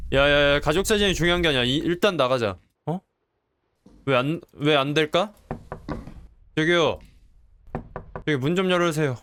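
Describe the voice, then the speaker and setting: Young guy streaming a horror game, voice jumps all over when scared, bit of faint hiss behind. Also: medium pitch. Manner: jumpy, swears and yells when startled, jokey asides. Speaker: gameplay streamer. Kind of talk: horror game let's play commentary.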